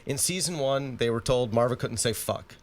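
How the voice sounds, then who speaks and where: A man's voice: mid-range voice, moderate pace. A man co-hosting a podcast, chatting casually and leaning heavily on "like" as a filler. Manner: chatty, heavy use of "like". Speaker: podcast co-host. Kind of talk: casual chat.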